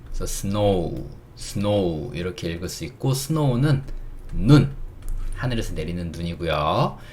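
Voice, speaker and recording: A man teaching English phonics, sounding out letters slowly and explaining words with everyday examples. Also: sits low, very animated, darkish tone, a little hiss or hum. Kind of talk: phonics lesson.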